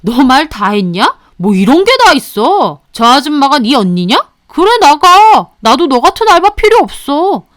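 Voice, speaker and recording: A woman voicing a rude, sneering male restaurant owner who mocks and shouts at people. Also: sits high, big pitch swings, moderate pace, clear, resonant tone, no echo, studio quality. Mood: angry shouting. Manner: shouting, mocking.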